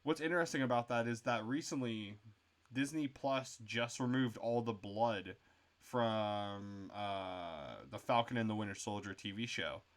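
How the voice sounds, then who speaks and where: A man's voice: fairly low pitch, a little slow. A man co-hosting a casual show review, rambling with lots of fillers and frequent swearing. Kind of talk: casual chat.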